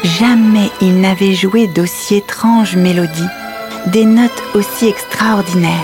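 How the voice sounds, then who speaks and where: A woman's voice: medium pitch, a little slow, over music, natural voice. A woman playing a patient, tender mother who tells her children a fairy tale at bedtime. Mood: gentle storytelling. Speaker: storyteller. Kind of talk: audio story, bedtime storytelling.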